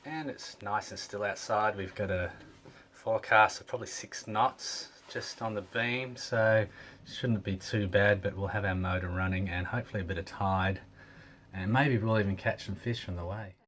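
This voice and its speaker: A man's voice: on the low side, fairly even intonation, moderate pace, a bit bright, slight background noise. A man in his forties, a sailing vlogger, casually explaining plans to a camera held close. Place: small dim boat cabin.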